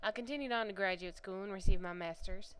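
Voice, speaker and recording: A woman's voice: mid-range voice, fast, fairly bright tone, smooth, lightly acted, rough recording. A woman voicing a grieving young woman from the American South, reading a first-person story in a Southern accent with a reflective, earnest manner. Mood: wistful.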